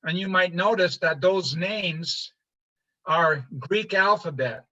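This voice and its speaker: An older man from Honduras giving an informal slide lecture, halting with many fillers and restarts. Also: high-pitched, sharp tone. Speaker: presenter. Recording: muffled lo-fi livestream audio.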